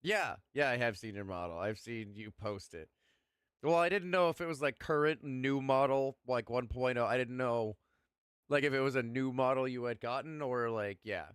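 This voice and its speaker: A young man chats on stream in an easy, meandering way, dropping fillers and the occasional curse. His voice is smooth and clean, recorded close and dry with no room sound. He sits at a middle pitch. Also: normal speed, fairly bright tone, dry recording. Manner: laid-back rambling with frequent fillers, casual swearing. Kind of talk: casual chat stream.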